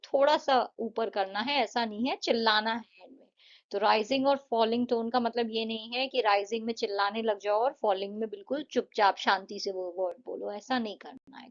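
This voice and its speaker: A woman's voice: a little high, normal speed. A woman teacher explaining exam answers step by step, patient, mixing Hindi and English. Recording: dull lo-fi audio.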